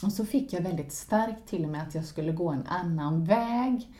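A woman in casual spoken storytelling who laughs often and swings into lively exclamations. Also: lowish voice. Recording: roomy echo.

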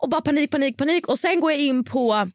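A young woman co-hosting a podcast, telling stories in casual chat and acting out her own thoughts in an animated way. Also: high voice, no echo, clean studio sound. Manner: animated storytelling with quoted inner voice. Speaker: podcast co-host.

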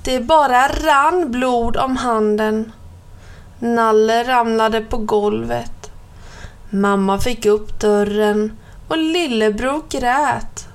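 A woman reading a children's picture book aloud in a plain, steady storytelling manner. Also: a little high.

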